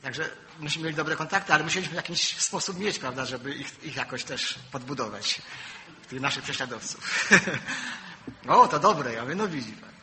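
An older man preaching a sermon. He tells personal stories and moves between loud, emphatic points and low, quiet asides. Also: normal speed, a little hiss or hum, rough recording.

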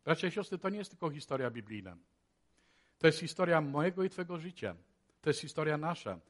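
A man preaching a sermon in a chapel, moving between hushed and loud passages and asking many rhetorical questions. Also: on the high side, very animated, a little fast.

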